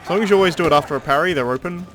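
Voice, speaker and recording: Man casually commenting on a game. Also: fairly high pitch. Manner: casual, explanatory, slightly halting. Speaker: gaming channel host. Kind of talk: let's play commentary. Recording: commentary over game music.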